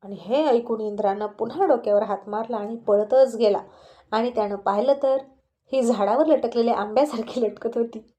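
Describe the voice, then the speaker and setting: A woman narrating a romance story aloud in an expressive, animated storytelling manner. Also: fairly high pitch, moderate pace, muffled recording.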